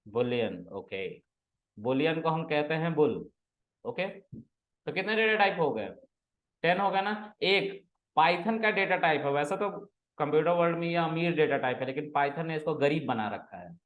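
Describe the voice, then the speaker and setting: A man's voice: a little high, animated, moderate pace, narrow, tinny audio. A man teaching a programming class, casually quizzing and teasing his students in a classroom. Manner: teasing, asks students questions and scolds them.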